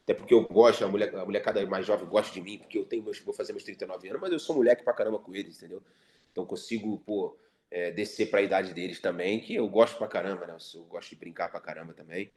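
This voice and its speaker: Deep-voiced Brazilian man in his thirties. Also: fast. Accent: Brazilian Portuguese. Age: 30s. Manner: relaxed, reflective, repeats fillers. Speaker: futsal player guest. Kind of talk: casual podcast interview.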